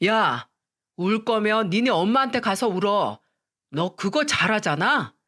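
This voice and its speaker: A woman's voice: mid-range voice, expressive, unhurried, fairly bright tone. A woman voicing a scornful divorced man. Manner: scolding, curt. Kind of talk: storytelling radio.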